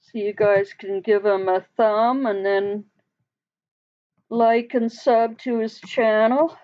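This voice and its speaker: A woman with a fairly high voice chats unhurriedly with her viewers on a live stream. She rambles, laughs often and leaves sentences unfinished. The stream audio sounds dull and lo-fi. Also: steady tone, takes it slowly. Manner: chatty, laughs often, trails off mid-sentence. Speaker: livestream host. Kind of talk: casual live chat with viewers.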